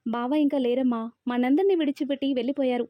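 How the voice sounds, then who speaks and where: A woman's voice: high-pitched, steady tone, quick pace, no room sound, close to an everyday voice. A woman voicing a grieving, protective middle-aged aunt in a somber, urgent reading. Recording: dry, slightly dull recording.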